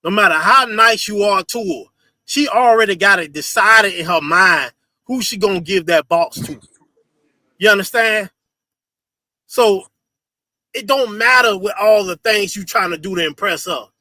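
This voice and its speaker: A man's voice: high voice, measured pace, no room sound. A man hosting a casual livestream, commenting emphatically on a video and repeating his phrases. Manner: loud, emphatic, repeats phrases and laughs often. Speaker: host reacting to a video.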